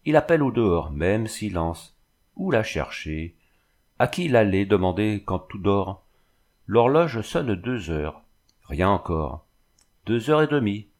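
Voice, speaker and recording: Low-voiced male storyteller. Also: sing-song, darkish tone. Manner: measured, dramatic reading. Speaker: narrator. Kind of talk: audiobook reading of a tale.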